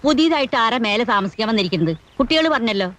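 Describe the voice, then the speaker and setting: A proud, fierce old grandmother bosses the household in a bright, high voice. She scolds and commands. Her talk stays sharp and forceful. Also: lively intonation, fast. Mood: scolding. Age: older.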